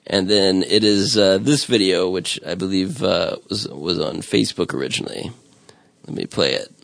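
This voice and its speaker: A man with a very deep, gravelly voice chats casually as a podcast host. His pitch swings widely as he rambles and restarts in an amused way. The sound is dry and close. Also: sing-song, unhurried, a bit bright, dry recording. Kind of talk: casual chat.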